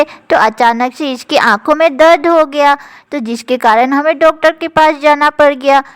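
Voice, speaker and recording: A woman's voice: high-pitched, natural voice. A woman voicing an eager little girl doll who explains things earnestly.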